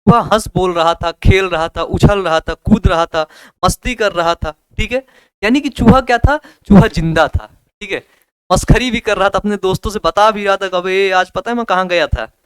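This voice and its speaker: A man's voice: high voice, moderate pace, a bit bright, smooth, no room sound. A young man with a Hindi accent teaching biology in a casual, joking way, asking students questions and repeating answers. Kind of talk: casual classroom lecture.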